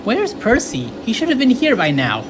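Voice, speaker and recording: A woman voicing a cheeky, excitable young male tank engine in a cartoon dub, eager and boyish. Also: on the high side, normal speed, noisy background. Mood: worried. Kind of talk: animated character dub.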